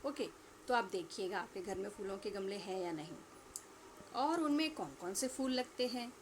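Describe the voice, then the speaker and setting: A woman's voice: medium pitch, expressive, a little hiss or hum. A woman teacher giving a lesson to young children, asking questions and answering them herself, and stretching out words for pupils to repeat. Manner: slow, drawn-out repetition for pupils to echo. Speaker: school teacher.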